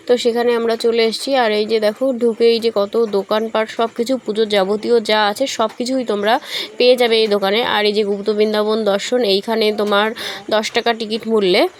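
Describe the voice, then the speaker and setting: A woman's voice: a little high, slight background noise. A young woman from West Bengal narrating a casual travel vlog, talking straight to her viewers with fillers and self-corrections. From West Bengal, India. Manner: chatty, addresses viewers directly, many fillers and self-corrections. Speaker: vlogger.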